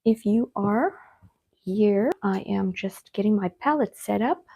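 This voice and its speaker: Slow, husky woman. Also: mid-range voice, dark tone, lo-fi sound. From Cape Town, South Africa. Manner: chatty, speaks straight to viewers, unhurried. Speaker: artist hosting a live painting stream. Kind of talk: casual live-stream chat while painting. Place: home art studio.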